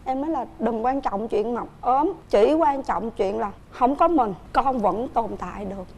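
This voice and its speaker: A woman's voice: fairly high pitch, moderate pace, a little mellow, slight background noise. Earnest Southern Vietnamese woman guest. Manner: earnest, telling a family story at length. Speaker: guest wife on a couples talk show. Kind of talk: casual chat.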